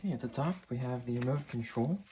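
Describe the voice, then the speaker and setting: Talking fast in a mellow, mid-range voice, a young man gives offhand unboxing commentary while handling the product. He's in a small carpeted home room with a computer desk, where packaging crinkles, clicks sound and background noise comes through clearly.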